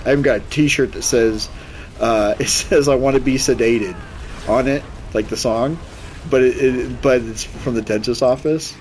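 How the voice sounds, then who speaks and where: A man in his forties with an average-pitched voice chats loosely as he streams a game. He rambles from story to story in an informal, blunt way, quoting people as he goes. There is noticeable background noise behind him. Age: 40s. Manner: rambling, animated retelling with quoted dialogue and swearing. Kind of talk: casual chat while playing a video game.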